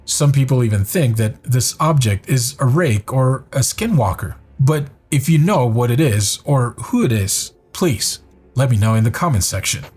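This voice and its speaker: A man reading scripted narration for a countdown video in a measured, even storytelling manner. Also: mid-range voice, husky.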